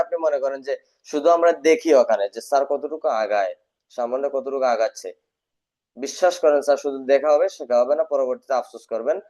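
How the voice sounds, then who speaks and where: Male teacher, somewhat high voice, stern, drills by repetition, dull lo-fi video-call audio. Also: a little mellow. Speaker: English teacher. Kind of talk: live online class lecture. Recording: dull lo-fi online class audio.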